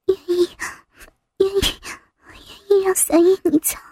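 A woman's voice: extremely high pitch, flat delivery, measured pace, dark tone, no echo, studio quality. A woman voicing a timid, frightened young woman who speaks meekly and pleads. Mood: timid pleading. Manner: meek, pleading.

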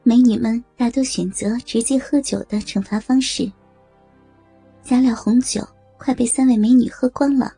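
A woman narrating a story in a steady way. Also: a little high, normal speed, slightly rough, no echo. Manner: steady narration, voicing characters. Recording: dry close voice with faint music.

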